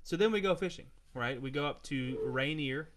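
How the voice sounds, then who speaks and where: A man co-hosting a live chat show, telling a story in a relaxed, plain way. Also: a little high, moderate pace, a little hiss or hum. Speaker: co-host. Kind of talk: casual chat.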